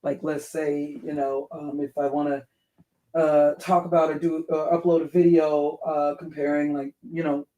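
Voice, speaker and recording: In poor audio, a livestream host with a worn, deep, hoarse voice that sounds a little mellow chats casually with viewers. They ramble, correct themselves, and chuckle and um often.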